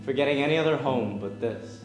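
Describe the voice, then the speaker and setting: A man's voice: medium pitch, a little fast, echoey room, music in the background, lightly acted, rough recording. A man playing an ardent, dreamy young suitor in impassioned theatrical Shakespearean verse. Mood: tender, devoted. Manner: impassioned, swooning verse delivery. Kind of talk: theatrical Shakespearean stage acting.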